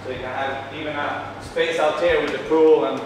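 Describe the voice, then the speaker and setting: A man's voice: a little high, fairly even intonation, moderate pace, heavy reverb, big-room sound, crowd noise, low-quality recording. A man in his thirties with a Swedish accent, an upbeat salesy agent showing a house and laughing often. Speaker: real estate agent giving a house tour. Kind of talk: casual house tour chat. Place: large empty villa, indoors and on terraces.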